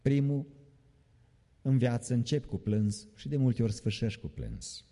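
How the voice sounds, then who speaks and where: Deep-voiced preacher in a reverberant hall. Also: male voice, sing-song, dark tone. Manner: emphatic, repeats key phrases, mocking jokes. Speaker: pastor. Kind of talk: evening sermon. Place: church sanctuary. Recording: long reverb of a church hall.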